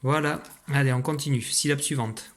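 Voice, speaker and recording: A man, a teacher giving a recorded spelling dictation, patient and clear, slowly articulating each sound. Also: mid-range voice, steady tone, slight background noise.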